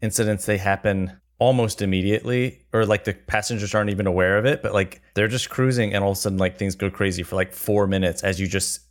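Low-voiced man reacting casually. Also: fairly even intonation, quick pace, few pauses. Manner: reactive listener, loose and filler-heavy, says "like" often. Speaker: podcast co-host. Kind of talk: casual podcast chat.

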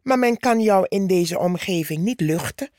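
A woman voicing a tiny, bold female red ant who stays calm and unimpressed, in a storybook reading. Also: fairly low pitch, moderate pace, dry recording, studio quality, natural voice. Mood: cheeky.

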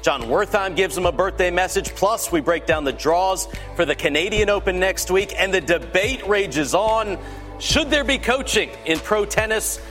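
Punchy American TV host, hyping like tabloid television. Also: male voice, high-pitched, moderate pace, a bit bright. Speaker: studio host of a tennis show. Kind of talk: punchy TV teaser read, tabloid-show hype. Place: TV studio. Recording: music bed under the voice.

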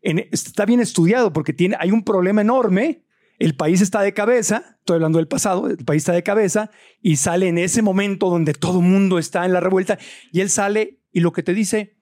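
A Mexican man hosting a podcast, chatting with a guest and adding quick asides. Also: sits high, a little mellow, no echo, clean studio sound. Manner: quick asides, reads the ad plainly. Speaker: podcast host. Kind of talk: podcast conversation.

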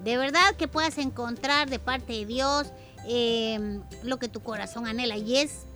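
A woman's voice: a little high, measured pace, sharp tone, soft background music. A woman co-hosting a religious children's radio show in a conversational, encouraging way.

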